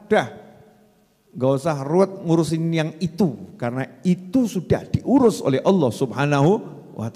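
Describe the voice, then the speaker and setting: A man's voice: sits high, a little mellow. A male preacher, giving a sermon and quizzing his audience in call-and-response. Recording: long hall reverb.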